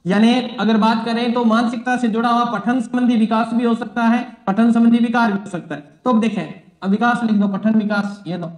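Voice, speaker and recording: A man's voice: extremely high pitch, fairly even intonation, a little fast, few pauses, darkish tone. A man teaching an exam-prep psychology lesson, repeating key phrases and asking and answering his own questions. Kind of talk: exam-prep classroom lecture. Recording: echoey room.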